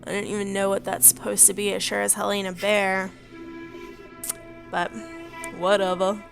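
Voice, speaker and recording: A woman's voice: mid-range voice, monotone, moderate pace, gravelly, fairly bright tone, faint music behind. A young woman with a congested voice, chatting casually as she streams a game. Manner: laid-back, chatty asides between quests. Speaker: gameplay streamer. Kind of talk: casual gameplay commentary.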